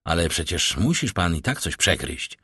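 A man reading the part of a calm, worldly nobleman who speaks with smooth, measured courtesy. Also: low voice, no room sound, studio quality, exaggerated voice. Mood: courteous. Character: suave worldly nobleman, calm and gently teasing. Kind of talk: audiobook character reading.

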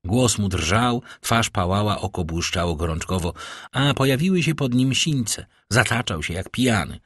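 Man, audiobook narrator, expressive reading, husky voice, dry close mic. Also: on the low side, normal speed, no room sound. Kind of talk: scripted narration.

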